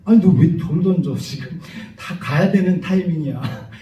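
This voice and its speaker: Man acts out a puzzled Jesus chiding someone in a sermon joke; high, mellow voice from a distant mic in a roomy hall. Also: moderate pace, close to an everyday voice. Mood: puzzled scolding. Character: Jesus, a bewildered man scolding gently. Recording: echoey church hall from far off, dull.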